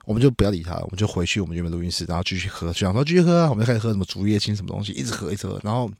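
Fast-talking Taiwanese man telling stories. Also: fairly low pitch, gravelly, slightly rough, no echo, clean studio sound. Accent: Taiwanese Mandarin. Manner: animated, laughing storyteller who acts out quotes. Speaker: podcast host. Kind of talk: casual storytelling chat. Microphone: studio microphone.

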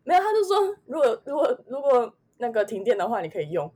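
A woman's voice: fairly high pitch, sing-song, fast talker, a little mellow. Young Taiwanese woman telling a personal story. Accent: Taiwanese Mandarin. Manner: rambling, many fillers, emotional recollection. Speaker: podcast co-host. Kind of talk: casual chat, personal storytelling.

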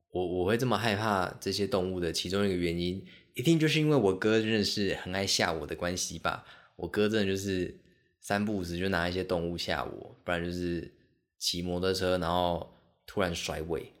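Podcast host, male, very low voice, animated and self-mocking solo storyteller. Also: fairly quick.

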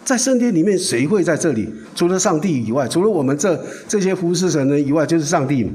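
Gentle, sleepy old priest , as a preacher puts him on, lively and rather high for a man. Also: fast talker, lightly acted. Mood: puzzled.

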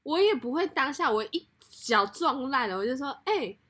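A young woman co-hosting a podcast in casual chat, laughing often and rambling through quick asides. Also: high-pitched, sing-song, a bit bright. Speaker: podcast co-host.

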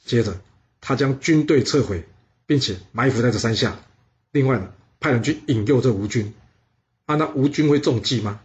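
A man telling a historical story in a lively, animated way, full of exclamations and chatty asides. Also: medium pitch, moderate pace, muffled recording.

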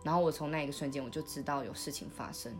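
A young woman, recalling her past in a soft, halting way, with many restarts, as she hosts a podcast. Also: deep voice, over music. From Taiwan. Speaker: podcast host. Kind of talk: intimate conversational storytelling.

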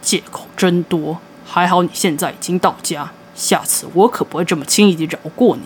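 A mean old grandfather scolds in a gruff, grumbling voice, as a woman narrator puts him on. He sounds lower and rougher than a plain reading voice. A faint hiss sits under the storybook recording. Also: fairly quick, lightly acted. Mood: gruff scolding.

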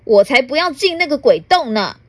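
A woman voicing a rude, arrogant rich man in a storybook reading, shouting and scolding. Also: high-pitched, sing-song, moderate pace, no room sound, voice pushed up. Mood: angry.

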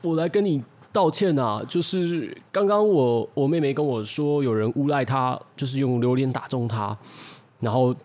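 A man voicing a chubby college girl who is apologizing on her twin sister's behalf, speaking haltingly and giggling through it. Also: mid-range voice, darkish tone, close to an everyday voice. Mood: sheepish.

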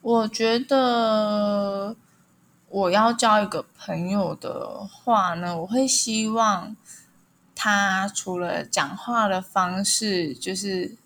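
A woman's voice: mid-range voice, steady tone, slow pace, a bit bright, slight background noise. A young woman with a Taiwanese Mandarin accent, frankly telling personal stories as a podcast guest. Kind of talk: casual personal storytelling.

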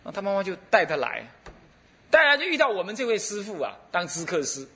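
Middle-aged taiwanese monk telling stories in a sermon, high voice swinging all over, laughs a lot. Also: male voice, a little fast. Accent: Taiwanese Mandarin. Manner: animated storyteller who laughs and acts out dialogue. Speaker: Buddhist abbot. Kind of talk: dharma talk with storytelling.

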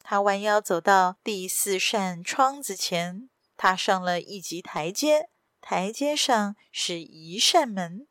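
A woman's voice: mid-range voice, lively intonation, slow pace, fairly bright tone, dry recording, studio quality. Woman narrating a story. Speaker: podcast storyteller.

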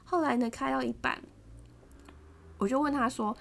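A young woman with a high voice hosts a casual podcast. She tells a personal story in an animated way, using lots of fillers. She slips into loud impressions when she quotes someone else. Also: normal speed, creaky. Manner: animated, mimics a shouting partner, many fillers. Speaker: podcast host.

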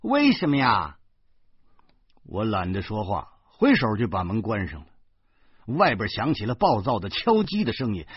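Husky man narrating comically. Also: lowish voice, dry recording. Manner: lively comic storytelling. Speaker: audiobook narrator. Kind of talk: first-person novel narration. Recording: muffled lo-fi recording.

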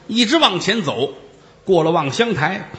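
A man telling a comic ghost story solo, with playful asides and acted-out shouts. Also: high-pitched, expressive, unhurried. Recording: reverberant room.

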